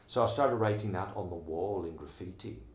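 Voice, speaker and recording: Middle-aged Donegal Irish man, low voice, earnest interviewee in an echoey room with faint hum. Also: a little fast. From Ireland. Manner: talkative, restarts sentences, earnest. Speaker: oral history interviewee. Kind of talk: recorded oral history interview.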